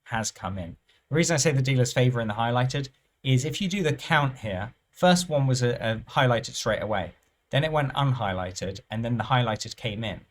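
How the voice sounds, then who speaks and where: A man giving thinking-aloud commentary over live roulette play, musing and unhurried, often trailing off and restarting his phrases. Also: mid-range voice, animated. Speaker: roulette strategy presenter.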